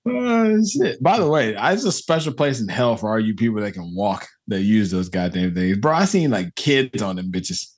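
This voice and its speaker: Laughing, animated young man chatting. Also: lowish voice, moderate pace, few pauses. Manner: laughs often, loose and profane. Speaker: podcast co-host. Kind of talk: casual chat.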